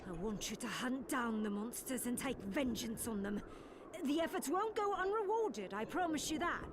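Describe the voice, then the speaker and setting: An actress with an English accent playing an earnest, grieving widow out for vengeance in a video game. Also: female voice, on the high side, lively intonation, normal speed, background noise, lightly acted. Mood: grateful, resolute. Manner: earnest, dramatic. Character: grieving, vengeful young widow pleading for help.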